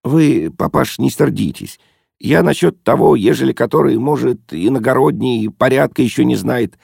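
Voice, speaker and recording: A man's voice: mid-range voice, expressive, moderate pace, vocal fry, a little mellow, slightly rough, dry recording, studio quality, pitched above the performer's own voice, full character voice. A man voicing a stern but timid young traffic militiaman who mumbles cautiously and deferentially.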